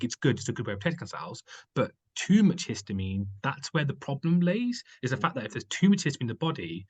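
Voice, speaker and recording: A man with a husky, slightly rough voice speaks as a podcast guest. He talks casually and rambles, tossing in filler words as he goes. His pitch sits in an ordinary middle range. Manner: rambling, filler-heavy storytelling with many "like"s. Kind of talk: casual chat.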